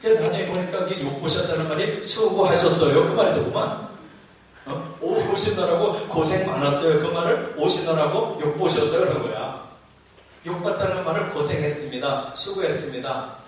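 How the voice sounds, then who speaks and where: A man's voice: fairly high pitch, moderate pace. A man preaching a sermon as a pastor, telling stories with jokes and acting out bits of dialect. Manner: storytelling with jokes and mimicked dialect phrases. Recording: far-off voice in a very echoey church hall with faint noise.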